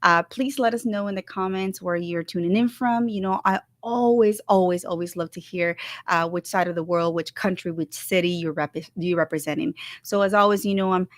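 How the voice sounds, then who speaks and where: A woman from El Salvador hosts a casual livestream talk show, bubbly and effusive, repeating words for emphasis as she gives viewers shout-outs. Her voice is on the low side and moderately paced, and the recording is dry.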